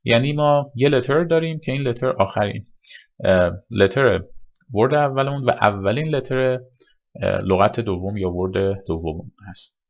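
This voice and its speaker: A man teaching English pronunciation in a recorded lesson, explaining step by step and repeating examples slowly. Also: medium pitch, vocal fry, muffled recording.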